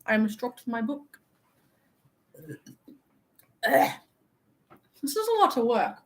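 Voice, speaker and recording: Vain young male wizard played by a woman, high voice, playful, teasing, mock-offended, live-stream role-play host. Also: very animated, fairly quick. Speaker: livestream host.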